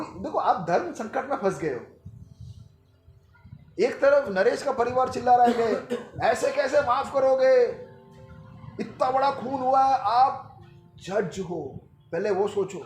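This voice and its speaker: 40s guy preaching, high pitched, pokes the crowd with questions, roomy echo. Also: a little mellow. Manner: rhetorical questions, addresses a congregant directly, acts out pleas. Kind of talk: sermon.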